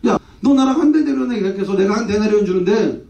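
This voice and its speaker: A preacher voicing a scolding, bossy vineyard owner. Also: male voice, high-pitched, lively intonation, fast, creaky, dark tone, reverberant, far from the mic, lo-fi sound. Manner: scolding, talking down. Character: angry vineyard owner, middle-aged man, bossy.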